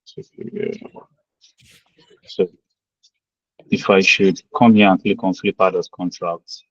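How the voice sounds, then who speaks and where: A man talking a class through his shared screen on a video call, hesitant and step by step, his husky voice heard in the screen recording. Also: sits low, flat delivery, takes it slowly, no room sound. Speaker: student on an online class call. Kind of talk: casual screen-share talk. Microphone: video call mic. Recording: dull, dry lo-fi call audio.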